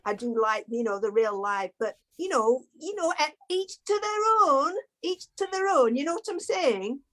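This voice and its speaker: A fussy, gushing webinar participant, played by a woman in improv. Her voice sits a little high. She fills her talk with hedges and fawning. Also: lively intonation, normal speed, a bit bright. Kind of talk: improv comedy.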